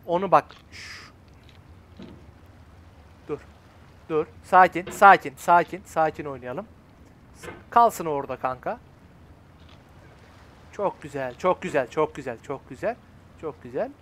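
A young Turkish man in his twenties talks his way through a frustrating game in a high voice, muttering encouragement and grumbling at himself. A faint hum sits behind him. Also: a little slow, pauses often, fairly bright tone. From Turkey. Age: 20s. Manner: talks to himself, coaxing and fretting. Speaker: gaming YouTuber. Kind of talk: casual gameplay commentary.

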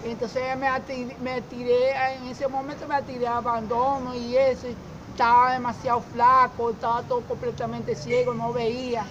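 A middle-aged man from Zulia with a Venezuelan accent, answering a street interview haltingly and often repeating words. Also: very high voice, completely flat delivery. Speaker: interviewee, former street newspaper seller. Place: outdoor fruit stall on a city street. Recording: muffled, with loud street noise.

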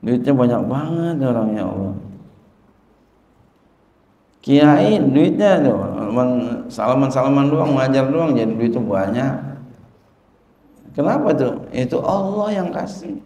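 Middle-aged religious teacher, man, casual repetitive delivery, mellow tone, echoey room. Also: medium pitch, animated, moderate pace. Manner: repetitive, conversational, acts out quoted people. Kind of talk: colloquial Quran commentary lesson. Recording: roomy echo.

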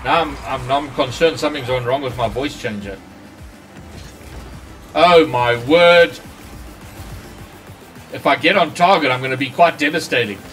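A man's voice: medium pitch, unhurried, long pauses, fairly bright tone, distant mic, faint music behind. A man commenting on his own gameplay during a live stream, his voice run through a voice changer. He chats with viewers between plays and swears when things go wrong. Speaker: gaming streamer.

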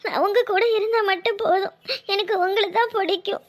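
A woman's voice: very high voice, fairly quick, bright, forceful tone. A woman voicing a devoted young wife in a cartoon, pleading and affectionate. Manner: pleading, sing-song and affectionate. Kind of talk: cartoon voice acting.

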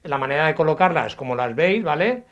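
This artisan potter from Agost, in Spain's Alicante province, talks in a slightly high voice with lively intonation and a southeastern Spanish accent. Interviewed indoors in an old pottery workshop and brick kiln, he explains things informally and haltingly, repeating words and adding tag questions. A face mask slightly muffles him, and he's recorded on a handheld reporter's microphone.

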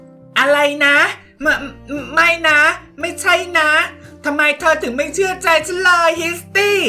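A woman voicing an excitable, lazy young goddess girl who whines and protests loudly. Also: sits high, unhurried, soft background music, voice pushed up. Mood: flustered.

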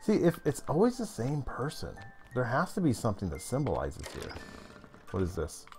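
A male streamer talks his way through a game live, reading out chat and reacting loudly. His voice swings up and down a lot, and faint game music plays behind him. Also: mid-range voice, wildly swooping pitch, moderate pace. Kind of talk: live gameplay commentary.

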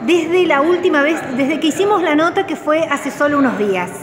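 Woman, Argentine accent, brisk reporter, echoey hall, crowd murmur. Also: sits high, expressive. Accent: Argentine Spanish. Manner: brisk, prompting questions. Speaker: TV news reporter. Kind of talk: field interview questions.

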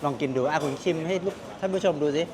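A slightly high-voiced man hosts a casual food vlog and talks through each bite as if thinking out loud. Busy crowd chatter fills the background of an old-style cafe. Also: fast. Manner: chatty, thinks aloud while tasting. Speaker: vlog host.

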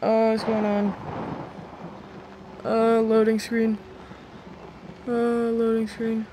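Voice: medium pitch, completely flat delivery, very slow, mellow, low-quality recording. A gaming host giving casual, jumpy reaction commentary on a horror game, repeating phrases when startled. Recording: clear game noise behind voice.

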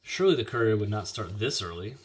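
A man reading a children's chapter book aloud in an expressive, lively manner. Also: on the low side, quick pace. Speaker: reader. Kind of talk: storybook read-aloud.

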